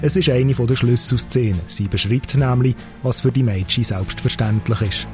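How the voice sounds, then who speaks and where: A man's voice: mid-range voice, normal speed, music in the background. A man with a Swiss German accent narrating a scripted radio review as a critic.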